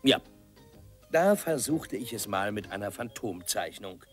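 A man voicing a calm, laconic cowboy hero telling his story matter-of-factly in a dubbed cartoon. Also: lowish voice, a little slow. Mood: calm, assured. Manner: cool, matter-of-fact storytelling. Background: music.

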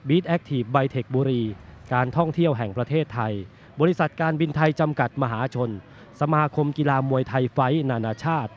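A man's voice: medium pitch, normal speed, muffled recording, a little hiss or hum. A man working as a broadcast boxing commentator and announcer, speaking live from a fight.

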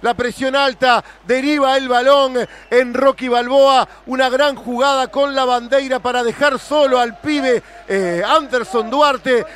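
A man's voice: very high-pitched, steady tone, unhurried, few pauses, fairly bright tone, a little hiss or hum. A Uruguayan man giving emphatic colour commentary on a live radio football broadcast.

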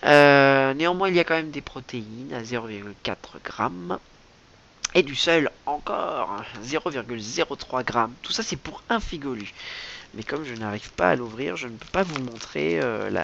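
A comic vlogger with a mid-range, creaky, slightly bright voice rambles through a mock-serious improvised comedy monologue. He stammers and repeats himself, and the lo-fi recording carries a faint hiss.

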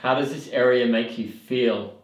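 A man's voice: mid-range voice, unhurried. A man in his thirties questioning unseen spirits insistently and commenting to camera in a bare basement during a ghost investigation. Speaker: paranormal investigator. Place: bare basement indoors at night. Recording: echoey basement room.

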